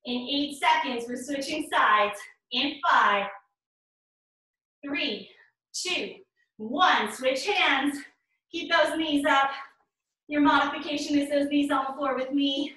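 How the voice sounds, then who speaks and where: High voiced lady doing workout cues, slow counts, pushing you on like a gym coach, exercising along. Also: pushed and bright. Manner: encouraging, urging like a gym coach; exerting while exercising along. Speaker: fitness instructor. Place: small bare indoor room at home. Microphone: camera a few meters away. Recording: echoey bare room, distant mic.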